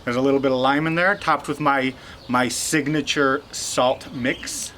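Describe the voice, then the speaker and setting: A man competing in a home cooking contest, presenting his dish in a relaxed, joking way. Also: medium pitch, measured pace, background noise. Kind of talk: casual chat.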